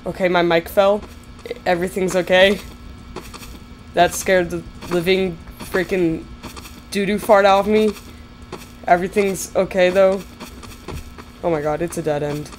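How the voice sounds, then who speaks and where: A woman's voice: fairly low pitch, steady tone, unhurried, pauses often, a little hiss or hum. A young woman commentating horror gameplay, jittery and bursting into frightened shrieks. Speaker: gamer.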